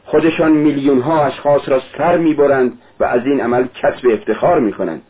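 A feverish, tormented young man, as a male reader voices him, talking in a raised, agitated voice. His tone is husky, and the recording sounds thin and lo-fi, like an old radio. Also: medium pitch, voice pushed up, close to an everyday voice. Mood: bitter.

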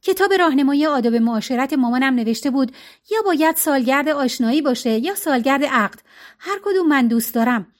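Woman reading a flustered middle-aged wife, high voice, soft and apologetic. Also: animated. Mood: earnest.

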